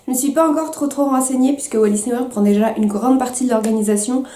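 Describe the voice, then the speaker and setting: A young woman chatting to camera as a vlogger, with many fillers and quick self-corrections. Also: a little high, mellow, roomy sound. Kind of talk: casual chat to camera.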